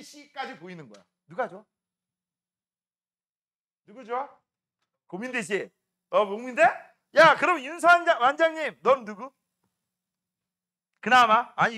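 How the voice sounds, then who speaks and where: A man's voice: very high voice, pushed and bright. A man teaching a science class, joking with students and checking with frequent questions. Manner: often asks "right?" to check understanding. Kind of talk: classroom lecture.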